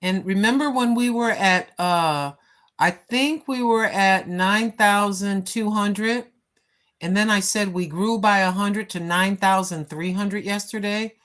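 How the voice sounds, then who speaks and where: Seated at home, an American woman in her sixties livestreams over her phone in a medium-pitched, fairly bright voice at a measured pace. She chats casually, rambles, uses lots of fillers and addresses her viewers directly.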